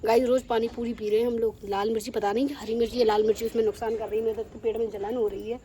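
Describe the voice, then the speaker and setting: A young woman chatting casually to her vlog viewers, teasing and animated. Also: a little high, fast talker, a little hiss or hum. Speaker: vlogger.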